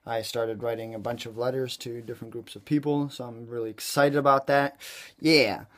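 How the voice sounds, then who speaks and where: A man's voice: mid-range voice, flat delivery, moderate pace, a bit bright. A man vlogging who reads his own letters of encouragement aloud in an earnest, sincere way. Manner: earnest, playful, tries a mock Italian accent at first. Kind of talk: casual vlog and letter reading.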